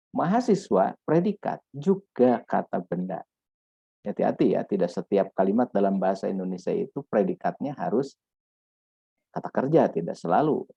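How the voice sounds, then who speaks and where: A man's voice: fairly low pitch, vocal fry, mellow, husky, dry recording. A man lecturing on grammar in a patient, repetitive way, checking in with "ya" often. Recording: dull lo-fi dry recording.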